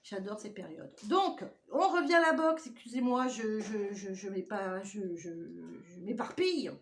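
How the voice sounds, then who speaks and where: A woman's voice: mid-range voice, animated, measured pace. A woman vlogger chatting casually at home as she unboxes a parcel, rambling off on tangents and laughing often. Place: home indoors.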